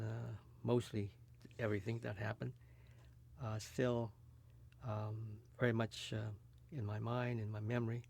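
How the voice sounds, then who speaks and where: A man in his eighties, from California, recalling his childhood for an oral history recording, halting often with fillers. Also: mid-range voice, creaky. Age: 80s. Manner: hesitant, many fillers. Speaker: interviewee. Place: recording booth.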